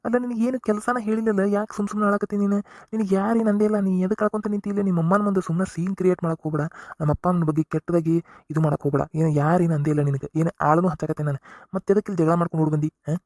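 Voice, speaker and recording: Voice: mid-range voice, fairly even intonation, racing, darkish tone, no echo, clean studio sound, lightly acted. A performer voicing an exasperated young husband in a cartoon comedy, with a North Karnataka accent, lecturing and scolding. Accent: North Karnataka Kannada.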